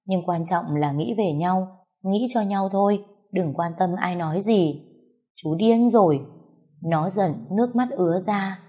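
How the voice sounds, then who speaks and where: A woman narrating a romance story in a measured, emotional reading. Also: fairly low pitch, dark tone.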